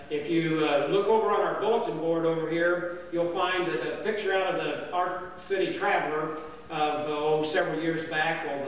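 Speaking in a fairly high pitch, this elderly camp storyteller wanders through a folksy historical yarn, often restarting and leaning on filler words. The audio comes from a far-off camera in a dining hall, carrying broad room echo and a low hum.

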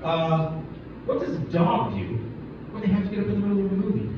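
A man's voice: high voice, big pitch swings, fast talker, noisy background. A middle-aged man doing laid-back open mic stand-up on a small club stage, acting out dialogue and swearing often. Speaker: stand-up comic. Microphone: handheld mic, filmed from far back in the audience. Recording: echoey club, distant and muffled.

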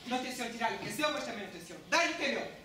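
Woman playing a stubborn older landowner, European Portuguese accent, very rapid speech, far off in an echoey hall. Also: a little high, lively intonation, sharp tone, slight background noise. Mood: blustering. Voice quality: blustering, stubborn. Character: blustering older male landowner, stubborn father. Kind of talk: amateur stage play.

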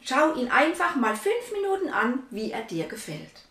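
A woman's voice: high voice, big pitch swings, moderate pace, a bit bright, roomy sound, far from the mic, voice pushed up, heavily acted. A woman reading a children's story, voicing a stranger man who coaxes children. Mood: coaxing. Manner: coaxing, then threatening. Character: kind-seeming stranger man, turns menacing.

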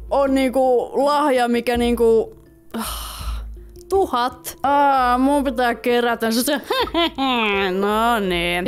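A woman's voice: fairly high pitch, clear, resonant tone. Chatty young woman playing a game. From Finland. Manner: chatty, reads game dialogue aloud, talks to viewers. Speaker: gaming YouTuber. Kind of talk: casual let's-play commentary. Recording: faint music behind voice.

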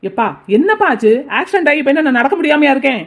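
An anxious young husband, voiced by a woman pleads for answers from a hospital bed. The voice is fairly high and the delivery is quick. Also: expressive.

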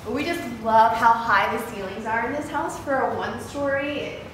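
A young American woman vlogger gives an enthusiastic, casual tour of a house that is still just a bare frame indoors. Her voice is fairly high and bright, at a normal pace. The empty room sounds echoey, the mic is distant, and the recording is otherwise clean of noise.

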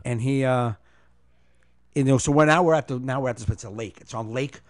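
A man's voice: medium pitch, fairly quick, dry recording, clean studio sound. A man with a New Jersey accent, telling casual comic stories as a podcast host, teasing in a mock-exasperated way. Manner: mimics and teases his friend, exasperated comic delivery. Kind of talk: comic storytelling, casual chat.

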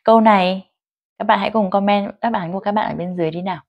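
A middle-aged Vietnamese woman teaching an English dictation lesson online, reading sentences slowly and clearly, then explaining them in Vietnamese. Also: mid-range voice, dry recording, dull audio.

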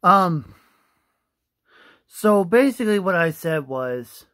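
A young man giving a casual, halting explainer to camera, often repeating himself, on a phone held at arm's length indoors. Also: sits high, animated, a bit bright. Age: young adult. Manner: halting, repetitive. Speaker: vlogger. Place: small room indoors.

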